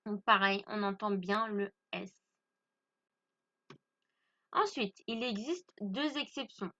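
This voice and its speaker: A woman's voice: mid-range voice, slow, pushed and bright, dull audio. A woman from France teaching English grammar to French speakers, patiently stressing pronunciation and repeating each point.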